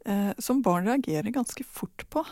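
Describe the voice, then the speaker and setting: A woman in conversation, giving calm, measured advice on parenting. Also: mid-range voice, no room sound, clean studio sound. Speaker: parenting expert guest.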